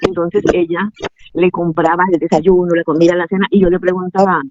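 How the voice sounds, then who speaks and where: Older woman telling a halting story. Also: lowish voice, little pitch movement, lo-fi sound, background noise. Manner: halting, acting out both sides of past conversations. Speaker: caller asking for advice. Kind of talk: personal story on a call-in Q&A.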